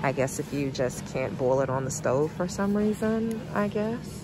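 A woman filming a casual shop-with-me vlog, chatting excitedly to viewers as y'all while browsing store aisles on a handheld phone. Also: low-pitched, normal speed, background noise. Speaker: vlogger and therapist.

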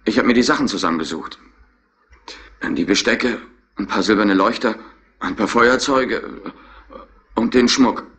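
A man's voice: fairly low pitch, a little slow, pauses often, fairly bright tone. A man playing a sullen, defiant young petty burglar in a 1960s radio crime drama, giving impatient answers. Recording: old radio play with faint hiss.

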